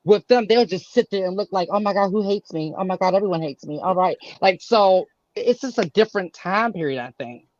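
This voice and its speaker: A woman guest on a casual panel talk show, chatting and reacting with quick interjections. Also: medium pitch, lively intonation, darkish tone, no echo. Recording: dry, dull lo-fi sound.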